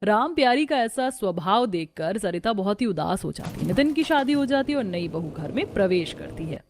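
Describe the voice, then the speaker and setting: A woman giving scripted narration of a family story in an even storytelling tone. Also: mid-range voice, normal speed, background noise.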